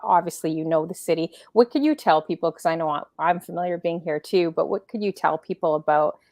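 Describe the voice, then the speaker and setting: A woman hosting a talk show, chatty, shouting out viewers and asking leading questions. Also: lowish voice, fairly quick, dry recording, studio quality. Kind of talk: casual interview chat.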